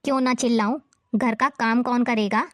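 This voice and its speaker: A woman's voice: a little high, fairly even intonation, moderate pace, over music, lightly acted. A woman playing an older mother-in-law who nags and taunts in a family drama. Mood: scolding. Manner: scolding, taunting. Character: nagging older mother-in-law, harsh and scornful.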